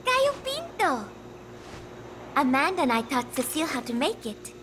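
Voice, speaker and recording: A woman voicing a frail, gentle teenage girl who sounds tired and wistful in a video game cutscene. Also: high-pitched, very animated, normal speed, a little hiss or hum, rough recording. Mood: fond. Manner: soft, wistful, drifting.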